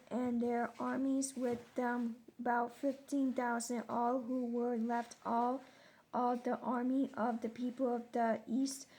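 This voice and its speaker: A woman reading the Bible aloud verse by verse, halting and repeating names after a pronunciation guide. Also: on the high side, warm tone. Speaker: Bible reader. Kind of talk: slow verse-by-verse Scripture reading.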